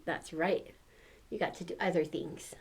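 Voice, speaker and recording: A woman's voice: on the low side, fairly even intonation, measured pace, breathy edge. An older woman with a grandmotherly manner reads a children's story aloud, coaxing and encouraging with playful asides.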